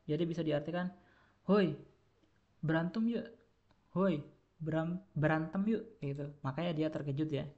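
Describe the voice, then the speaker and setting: A man's voice: on the high side, darkish tone. A man teaching a Japanese grammar lesson, speaking Indonesian as his first language, patiently repeating each word with many filler sounds. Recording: dull lo-fi recording.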